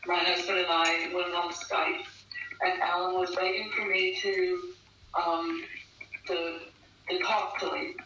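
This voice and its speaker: A woman's voice: lowish voice, flat delivery, slow, long pauses. A woman giving earnest personal testimony in conversation, speaking emphatically and repeating phrases for stress. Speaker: guest recounting a personal experience. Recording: echoey, distant, dull online call with faint noise.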